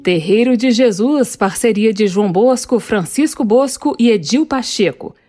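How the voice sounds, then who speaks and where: A woman presenting on the radio, briskly announcing the next segment from a script. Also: on the high side, expressive, mellow, soft background music.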